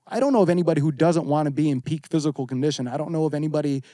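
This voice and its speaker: A man in his thirties, a fitness competitor appearing as a podcast guest, talks candidly and earnestly, reflective and full of casual slang. His voice sits on the high side with a dark tone and a rapid-fire delivery, captured in a dry, studio-quality recording.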